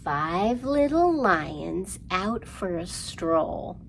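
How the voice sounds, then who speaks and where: In a lowish voice with vocal fry, a woman hosts storytime for little ones, speaking extremely slowly. She's lively and sing-song, prompting rhymes and counting, with slight background noise.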